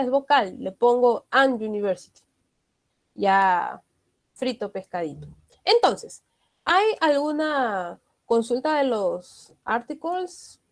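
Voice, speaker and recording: A woman leads an English grammar lesson in a slightly high voice. She explains step by step and keeps checking that her students follow. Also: a little mellow. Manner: explanatory, often checks understanding with tag questions. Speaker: English teacher.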